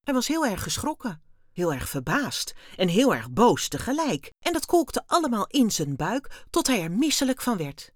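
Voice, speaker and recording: A woman reading a children's story aloud with lively, expressive narration. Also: on the high side, moderate pace, no room sound, studio quality.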